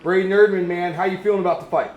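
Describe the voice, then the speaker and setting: Fast-talking man interviewing fighters in echoey room. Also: high voice, fairly even intonation, phone-quality sound. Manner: slangy, teasing, chummy. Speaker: MMA interviewer and commentator. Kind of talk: upbeat pre-fight interview.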